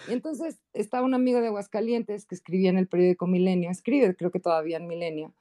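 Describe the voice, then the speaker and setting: A guest columnist with a Mexican accent tells anecdotes during a casual podcast chat, speaking fast. She's lively and often jumps into high-pitched voices when quoting people.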